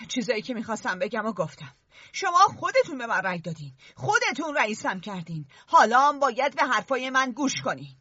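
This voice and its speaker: A woman's voice: fairly high pitch, very animated, a bit bright, slightly rough, dry recording, muffled recording, full character voice. A woman voicing Ralph, an earnest, stern boy chief who lectures and scolds the others. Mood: grave.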